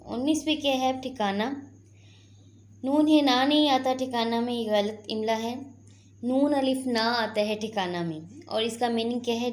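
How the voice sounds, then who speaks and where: Woman teacher going over a lesson, asks the kids questions, higher voice, echoey room. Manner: patient, explains and asks the class questions. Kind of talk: classroom lesson.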